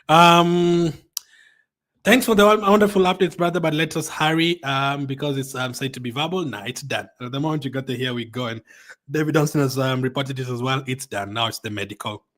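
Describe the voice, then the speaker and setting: A man hosting a live stream, reading viewer comments aloud in an excited, chatty way, often adding "um" and "man". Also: mid-range voice, brisk. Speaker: fan channel host.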